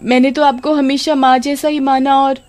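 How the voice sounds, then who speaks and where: Woman putting on a shrill cruel aunt. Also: flat delivery, normal speed, darkish tone, close to an everyday voice. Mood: pleading. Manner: scolding, wailing when hurt. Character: cruel shrill young aunt, short-tempered. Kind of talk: animated storybook voice acting.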